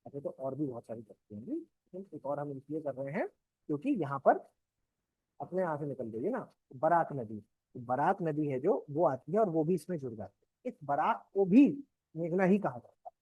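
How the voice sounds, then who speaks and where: A male teacher with a Hindi accent lectures his class, his voice a little husky and mellow, sitting slightly higher than most men's. He works through the material step by step, keeps checking in with his students and asks them questions. The recording is dry and dull, like a lo-fi classroom capture. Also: very animated, moderate pace, no echo. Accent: Indian Hindi.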